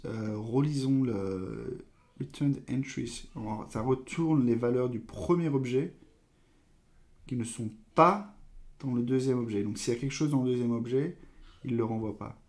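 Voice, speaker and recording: Homme, animateur de live coding, pense à voix haute, hésitant, voix moyenne, frappe au clavier en fond. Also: male voice, mid-range voice, unhurried, a little mellow. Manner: thinking aloud, hesitant, trailing off.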